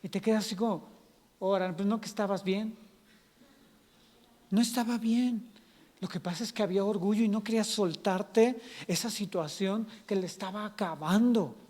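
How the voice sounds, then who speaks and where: A pastor, preaching conversationally and acting out scenes in a church hall. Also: male voice, sits high, fairly quick, a little mellow. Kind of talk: sermon.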